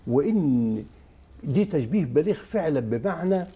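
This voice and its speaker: A man's voice: a little high, sing-song, moderate pace, mellow, slight background noise. A man with an Egyptian accent, a scientist guest on a TV talk show, explaining step by step and speaking directly to viewers. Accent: Egyptian Arabic.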